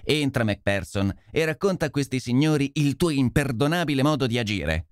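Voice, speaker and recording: A man's voice: mid-range voice, animated, a little fast, smooth, no room sound, clean studio sound, pitched above the performer's own voice, lightly acted. A man voicing a smug, boastful police inspector who talks down to the famous detective. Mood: smug, condescending. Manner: self-satisfied, condescending.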